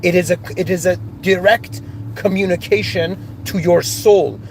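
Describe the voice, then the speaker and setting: A man's voice: high voice, steady tone, normal speed, creaky, darkish tone, a little hiss or hum. Impassioned man, spiritual monologue. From Iran, raised in Canada. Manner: impassioned, searching, with many restarts and rising outbursts. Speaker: spiritual speaker.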